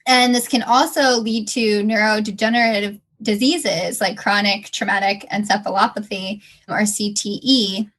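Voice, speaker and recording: A young woman co-hosting a casual science podcast, chatty and quick to laugh. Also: medium pitch, steady tone, fairly bright tone. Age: young adult. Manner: laughs often, bubbly and chatty. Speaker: podcast co-host.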